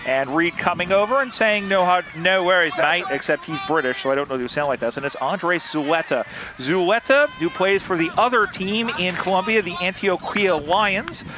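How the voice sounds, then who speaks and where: A man's voice: sits high, animated, a little fast. A man calling a live football match outdoors beside the field, chatty and full of side remarks. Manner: chatty, drifts into asides. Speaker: play-by-play commentator. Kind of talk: live sports commentary. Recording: outdoor field with loud background noise.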